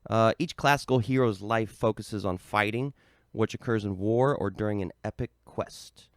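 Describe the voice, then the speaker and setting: Man, American accent, podcast co-host, fairly low pitch, relaxed explaining, filler-heavy, dry sound. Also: normal speed, no echo. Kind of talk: casual podcast chat, explaining from notes.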